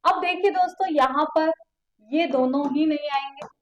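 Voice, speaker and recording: A woman's voice: sits high, moderate pace, roomy sound, rough recording. A woman teaching an exam prep lesson, who explains step by step, repeats key words and keeps quizzing her students. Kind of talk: online exam coaching lesson.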